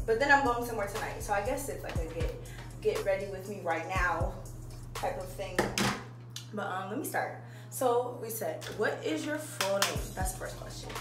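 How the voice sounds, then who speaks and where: A young woman from Maryland, USA, vlogs at home while curling her hair, chatting candidly, laughing often and swearing casually. Her voice is on the high side and sounds distant, recorded on a phone camera held away in a roomy space with music behind.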